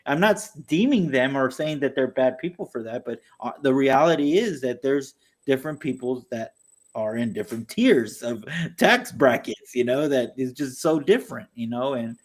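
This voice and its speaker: A man chatting on a casual podcast, his pitch swinging up and down as he talks. He speaks animatedly, filling his talk with "you know" and slipping into mocking voices. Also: moderate pace. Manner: animated, mocking impressions of opponents. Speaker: podcast co-host. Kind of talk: casual political chat.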